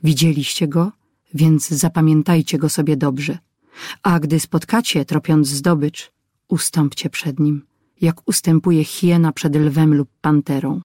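A narrator voicing a scheming older desert raider chief in an audiobook, with a measured warning tone. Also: mid-range voice, fairly even intonation, darkish tone, no echo, studio quality, lightly acted. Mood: grave. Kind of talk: audiobook reading.

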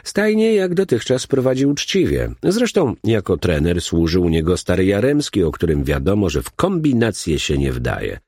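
Deep, husky male storyteller. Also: huge pitch swings, normal speed, few pauses, a little mellow, no echo, clean studio sound. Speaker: narrator. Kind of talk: audiobook narration.

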